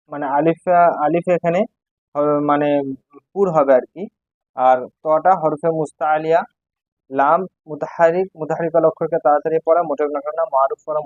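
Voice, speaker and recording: A Quran recitation teacher with a slightly high, somewhat mellow voice gives a patient lesson, slowly spelling out letters and repeating syllables. The recording is dry and a bit dull, with a lo-fi quality.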